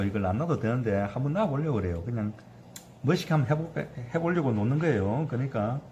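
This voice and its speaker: A man's voice: fairly high pitch, a little mellow, slight background noise. A man in his fifties, a cooking instructor giving a hands-on sushi demonstration, chatty and constantly asking his class to agree.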